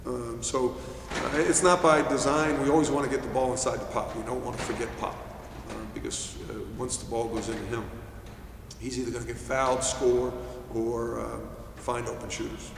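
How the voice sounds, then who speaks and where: A middle-aged man from New York, a basketball head coach answering postgame questions at a press table in a measured way, with many fillers and restarts. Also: medium pitch. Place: press room, seated at table. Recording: echoey room, distant mic, faint hiss.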